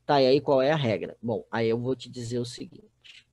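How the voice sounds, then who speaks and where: A man's voice: medium pitch, moderate pace, a little mellow, dry recording. A man with a Brazilian Portuguese accent teaching a recorded online class, explaining step by step and often checking in with the students. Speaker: Spanish teacher.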